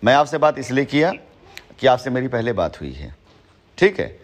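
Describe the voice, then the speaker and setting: On a recorded phone call with a former associate, a company head holds forth assertively, repeating points for emphasis in a mix of Hindi and English words. His medium-pitched voice has a sing-song quality at a moderate pace.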